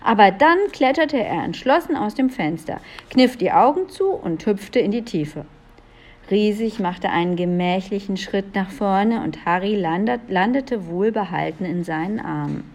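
A woman reads a children's story aloud at an unhurried pace. Her pitch moves a great deal as she gives the narration expression, and she sometimes stumbles and corrects herself. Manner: slow, lively, expressive reading with occasional slips. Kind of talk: reading a children's book aloud.

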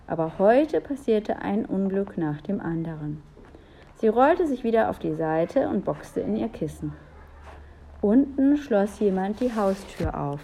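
A woman reading a children's story aloud in a calm, measured way. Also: fairly low pitch, a little hiss or hum. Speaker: narrator.

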